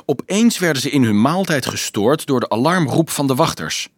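A man reading a youth novel aloud in calm, even scripted narration. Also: mid-range voice, moderate pace, no room sound, studio quality. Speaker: audiobook narrator.

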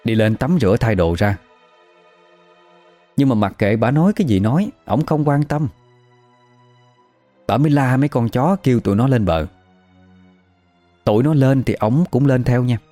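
A man's voice: medium pitch, normal speed, long pauses, warm tone, no room sound, faint music behind. A man with a Southern Vietnamese accent telling a spooky folk story in a chatty, gossipy way. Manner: conversational, gossipy retelling.

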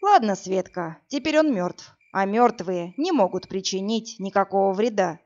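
A woman reading an audiobook, voicing a calm, protective man who talks in a steady, reassuring way. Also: medium pitch, moderate pace, dull audio, close to an everyday voice. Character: calm protective man, tough bodyguard type.

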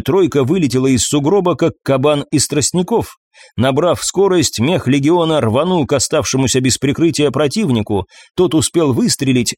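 A man reading an audiobook in a measured, even storytelling voice. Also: a little high, dry recording, studio quality. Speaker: audiobook narrator. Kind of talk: scripted narration.

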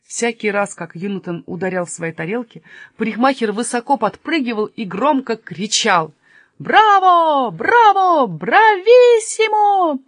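A woman reading a children's story aloud with lively, expressive narration. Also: mid-range voice, moderate pace, no echo, studio quality.

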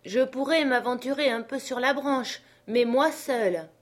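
A high, loud voice for a jumpy old male servant up a tree, exclaiming and pleading by turns, as a woman reading a storybook puts him on. He sounds chatty and easily frightened. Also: measured pace.

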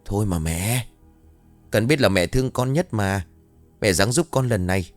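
A man's voice: on the low side, normal speed, faint music behind, natural voice. A man voicing a bored young nephew who speaks politely and pleads with his elders. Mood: pleading.

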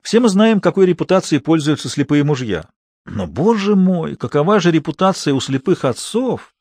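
A man reading a cold, mocking young male actor who stays icy calm and speaks in cutting, sarcastic tones, in an audiobook. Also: a little high, normal speed, no echo, studio quality, pitched above the performer's own voice. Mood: coldly mocking.

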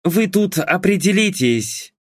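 A man's voice: high voice, lively intonation, slow, breathy edge, dry recording, clean studio sound, pitched above the performer's own voice, heavily acted. A man doing a sarcastic young woman. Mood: dry. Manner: sarcastic, reasoning and dismissive. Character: young adult daughter, dry and sarcastic.

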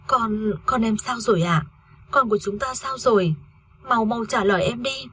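A woman's voice: mid-range voice, normal speed, a little hiss or hum, close to an everyday voice. A woman reading a story aloud, voicing a grieving young wife who has lost her baby, in a tearful, pleading way. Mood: distraught.

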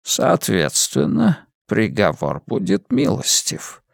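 A man voicing a frail, menacing old villain with a weak, rustling voice, speaking slowly and with cold politeness. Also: on the low side, wildly swooping pitch, vocal fry, no echo, studio quality, exaggerated voice. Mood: cold menace. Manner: slow, measured, coldly polite.

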